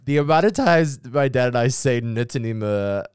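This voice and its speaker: A man co-hosting a casual film podcast, animated, joking and swearing. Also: mid-range voice, a little fast, clear, resonant tone, dry recording, studio quality. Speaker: podcast co-host.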